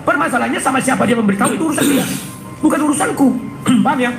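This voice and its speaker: High, gravelly angry man. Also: racing, echoey room, music in the background, poor audio. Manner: angry, indignant, frequent throat clearing. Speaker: live streamer. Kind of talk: heated live-stream rant.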